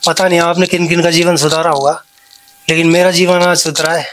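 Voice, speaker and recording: A man's voice: on the high side, little pitch movement, a little fast, fairly bright tone, a little hiss or hum. A man who is a therapy client, earnestly thanking his therapist and searching for words as he speaks.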